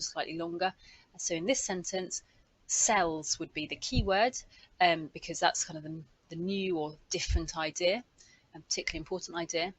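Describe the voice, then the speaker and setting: A woman with a fairly low, breathy voice gives an instructional lecture as an English for academic purposes teacher, explaining points with examples and stressing key words. The recording is low quality, with no room sound.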